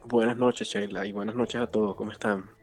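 A man in his thirties from Venezuela with a Venezuelan accent, a guest in an interview who talks in a relaxed, rambling way and keeps dropping fillers. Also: fairly low pitch, fairly quick, soft background music. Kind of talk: conversational interview.

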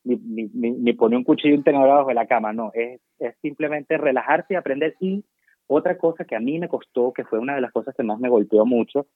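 A man's voice: mid-range voice, fast, no echo. A man from Venezuela with a Venezuelan Spanish accent, chatting casually as a guest doctor in an interview, digressive and self-mocking. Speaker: guest doctor working abroad. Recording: tinny dry phone line.

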